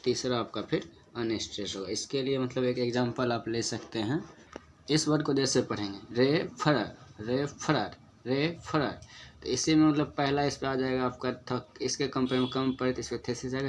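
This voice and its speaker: A man's voice: mid-range voice, a little hiss or hum. Methodical male teacher explaining step by step. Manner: methodical, repeats example words slowly for emphasis; asks and answers his own questions. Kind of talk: spoken lesson on poetic meter.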